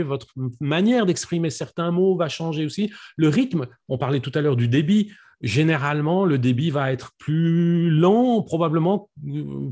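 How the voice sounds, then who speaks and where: A man's voice: fairly high pitch, darkish tone. French-speaking man coaching with many fillers. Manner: hesitant, many fillers and restarts. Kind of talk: webinar Q&A answer.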